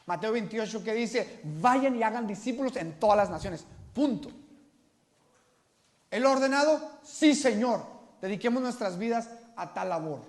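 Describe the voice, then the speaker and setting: A man's voice: high-pitched, moderate pace, hardly any pauses. A man teaching an evangelism workshop at church, asking the audience questions and repeating their answers back. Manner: animated, swings between loud and soft.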